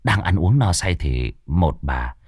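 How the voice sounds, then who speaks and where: A man narrating a comic ghost story in a lively, mocking way. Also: sits low, measured pace, husky, dry recording, studio quality.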